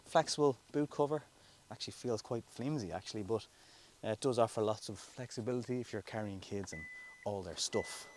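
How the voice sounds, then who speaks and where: A man with a somewhat low voice talks through a car review in a loose, rambling way, with plenty of ums and restarts. Clear background noise from the surroundings and the car sits under his voice. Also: a little fast. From Ireland. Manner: relaxed, rambling, frequent fillers and restarts. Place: outdoors around a car, then inside a moving car. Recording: noisy background.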